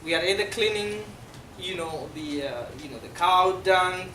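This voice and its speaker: A man's voice: sits high, bright, forceful tone. South Sudanese man speaking to a class. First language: Dinka. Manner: halting, explanatory, many fillers. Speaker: guest speaker. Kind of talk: classroom presentation. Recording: echoey room from far off, noisy.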